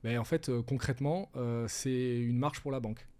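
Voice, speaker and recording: A man's voice: mid-range voice, steady tone, normal speed, dark tone, clean tone. A middle-aged man, a guest advisor, explaining things step by step in a casual interview. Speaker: wealth management advisor, guest.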